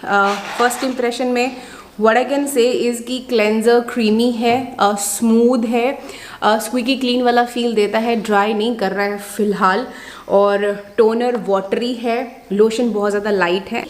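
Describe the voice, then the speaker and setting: A woman chatting casually through a beauty product haul, mixing in English phrases and pausing often with filler sounds. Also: a little high, fairly even intonation, a little hiss or hum. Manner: mixes Hindi and English, many filler sounds. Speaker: beauty vlogger.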